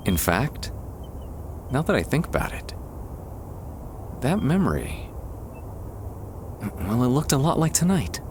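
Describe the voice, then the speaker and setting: In an intimate ASMR boyfriend roleplay, a man plays a nervous, tender young man who is the listener's childhood best friend. His low-pitched voice is heavily acted, and the hesitant, halting monologue trails off into pauses. Faint ambience noise and a soft outdoor park setting sit in the background.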